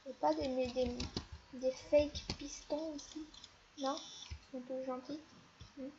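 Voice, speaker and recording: Teen girl gamer, high and unhurried, playful self-talk, muffled lo-fi mic with hiss. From France. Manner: playful, chatty, talks to herself and the players. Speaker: gaming video creator. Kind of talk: let's play commentary. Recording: dull lo-fi mic with steady noise.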